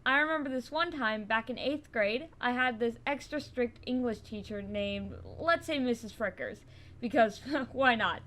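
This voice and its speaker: A woman's voice: on the high side, normal speed, fairly bright tone. A teenage girl narrating a scripted storytime in a chatty, wry way.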